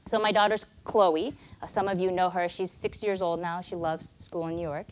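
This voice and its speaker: A woman in her thirties from the United States, a native Mandarin speaker, shares her personal testimony as a guest speaker at a church. Her voice sits on the low side with fairly even intonation and a normal speed, and she speaks earnestly and conversationally.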